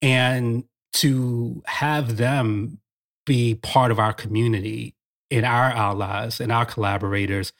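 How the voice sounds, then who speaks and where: A man's voice: mid-range voice, steady tone, slow pace. A man co-hosting a podcast, chatting casually and telling stories with enthusiasm. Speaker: podcast co-host. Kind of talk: casual chat.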